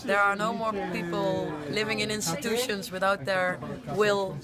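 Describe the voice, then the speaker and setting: A woman from the Netherlands, answering in lively, quick bursts. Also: mid-range voice. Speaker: conference delegate. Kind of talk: interview answers. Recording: loud background music.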